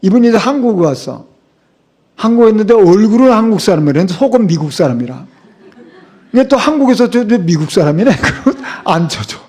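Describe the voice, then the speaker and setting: Preaching from a church sanctuary, this middle-aged pastor throws rhetorical questions at the congregation with emphatic force. His high voice is sing-song, a little fast, darkish and husky.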